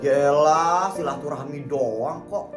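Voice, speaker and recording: A man's voice: a little high, takes it slowly. A man voicing a jealous, bratty teenage girl who is confrontational and whiny. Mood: defensive. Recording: roomy recording with background music.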